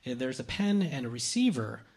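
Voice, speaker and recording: A man's voice: medium pitch, big pitch swings, fairly quick, a little mellow. A man co-hosting a casual tech news chat, explaining gadgets with lots of fillers and restarts.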